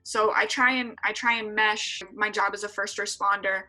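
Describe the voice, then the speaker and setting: A woman in her twenties from San Diego, California, who works as an EMT, earnestly answers questions as an interview guest, using frequent filler words. Her mid-range voice has fairly even intonation and a moderate pace, sounding pushed and bright. The recording is rough.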